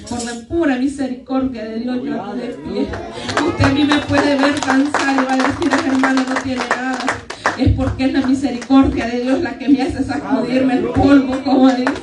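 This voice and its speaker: A woman giving an earnest, emotional testimony to her church congregation. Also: high voice. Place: church hall. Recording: echoey church hall, mic far off.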